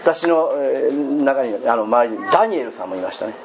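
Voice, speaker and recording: A man's voice: mid-range voice, lively intonation, a little fast. A man preaching a sermon as pastor, chatty and joking, often turning to the congregation with questions. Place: church hall. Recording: dull lo-fi recording with faint hiss.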